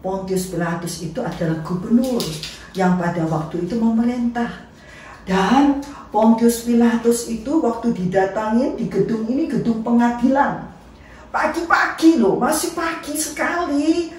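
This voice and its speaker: A woman teaching children, telling a Bible story in an animated, lively way and asking the kids questions. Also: fairly high pitch, a little slow. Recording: echoey room from far off.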